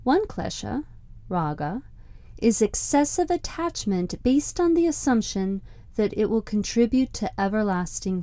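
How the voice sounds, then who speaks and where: A woman podcast host reading a scripted reflective monologue in a measured, deliberate, contemplative way. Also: a little high, warm tone, dry recording. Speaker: podcast host and meditation guide.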